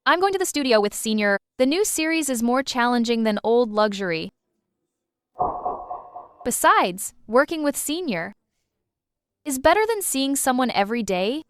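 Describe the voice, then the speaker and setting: A woman's voice: on the high side, very animated, moderate pace, long pauses, a bit bright, clear, resonant tone, dry recording, clean studio sound. A woman playing a sardonic, hurt young designer in an English-dubbed drama, with an emphatic delivery. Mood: indignant.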